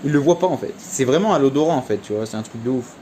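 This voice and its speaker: A man's voice: medium pitch, expressive, fast, warm tone, a little hiss or hum. A young man telling a casual story in a vlog, chatty and slangy, full of fillers. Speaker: vlogger.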